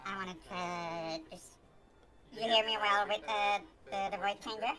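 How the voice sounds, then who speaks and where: A woman talking through a voice changer as a tabletop game player, describing her character in a hesitant, halting way. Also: mid-range voice, fairly even intonation, bright, forceful tone.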